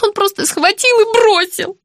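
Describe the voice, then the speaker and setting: A woman reading an audiobook, voicing a frail, confused old woman who speaks slowly and pleads, often breaking into anguished cries. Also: extremely high pitch, no room sound, studio quality, voice pushed up. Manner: slow, pleading, rising to wailing cries.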